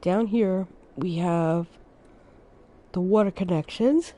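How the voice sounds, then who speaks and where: Female game streamer, drowsy and easygoing, dark mellow tone, unhurried delivery. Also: on the low side. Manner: relaxed, thinking aloud, unhurried. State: sleepy, yawning. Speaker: streamer playing a city-building game. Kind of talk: casual gameplay commentary.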